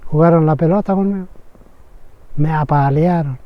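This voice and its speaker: An older man with a Chilean Spanish accent giving halting, plain-spoken documentary testimony as a witness. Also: a little high. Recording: tinny phone-like sound.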